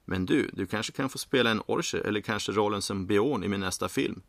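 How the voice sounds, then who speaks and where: A man's voice: fairly low pitch, vocal fry, a bit bright, no room sound. A man voicing a cheerful, bearded male film director who talks in an eager, chirpy way. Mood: gleeful, teasing.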